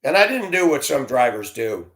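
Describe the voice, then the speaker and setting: A man who once drove a school bus shares his story in a very animated, fairly bright, medium-pitched voice at normal speed. He's earnest and heartfelt, venting his frustrations in this candid personal account.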